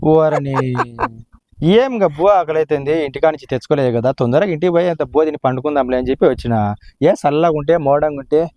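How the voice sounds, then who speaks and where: A man's voice: a little high, brisk, warm tone, slight background noise. A man bantering with his wife in a comic village skit, rambling and teasing with mock-dramatic flair, outdoors. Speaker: husband in a village comedy skit. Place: outdoors, sitting on a rock.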